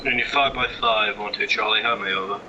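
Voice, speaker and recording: A man's voice: lowish voice, steady tone, fairly quick, muffled recording, very noisy. A man answering over an in-game radio with clipped military call signs. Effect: in-game radio transmission. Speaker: squad member calling on radio.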